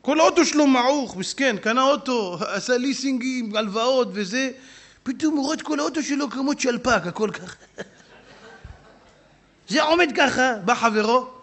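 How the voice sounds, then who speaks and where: A man in a synagogue hall preaching a sermon with a very high, bright voice that swings up and down all the time. He turns stories into small scenes, breaking into shouted asides and quick put-on voices, and keeps joking with his listeners. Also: animated. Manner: humorous, talks straight to the audience. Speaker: rabbi. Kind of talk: sermon with storytelling.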